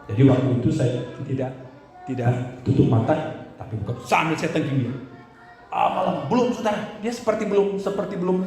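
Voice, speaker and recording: A male pastor tells a story from the pulpit with animated energy, often calling on his listeners as "saudara". His voice sits a bit high for a man. The sound bounces heavily around a very echoey church hall. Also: a little fast. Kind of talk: storytelling sermon.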